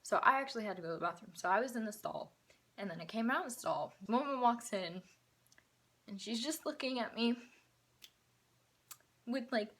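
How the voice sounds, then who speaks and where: A woman's voice: fairly high pitch, lively intonation, moderate pace, long pauses, fairly bright tone. A young adult woman, host of her channel, telling a story in a casual, slangy, chatty way.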